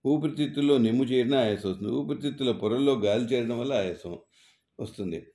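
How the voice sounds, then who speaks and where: A man, a doctor, reading a medical explainer in a measured, methodical way, listing causes one after another with small hesitations. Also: mid-range voice, warm tone. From Andhra Pradesh, India. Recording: roomy echo.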